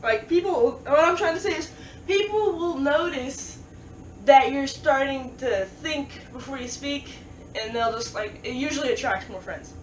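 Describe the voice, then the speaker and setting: A woman vlogging casual advice, talking fast with stutters and restarts, often joking and laughing at her own lines. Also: high voice, far from the mic. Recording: roomy, off-mic, faint background noise.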